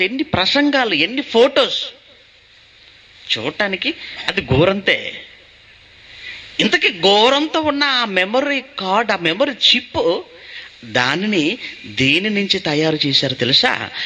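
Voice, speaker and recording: High, bright-voiced preacher man. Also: slight background noise. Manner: asks the listeners questions and answers them himself. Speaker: pastor. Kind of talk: sermon.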